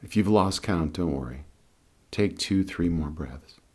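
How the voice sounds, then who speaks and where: A man leading a guided meditation in a calm, soothing, unhurried way. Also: sits low. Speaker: guided meditation and breathing teacher.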